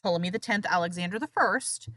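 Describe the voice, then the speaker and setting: Bright, sarcastic woman podcast co-host. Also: lowish voice, fast, dry recording, studio quality. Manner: sarcastic, indignant asides. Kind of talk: casual history podcast chat.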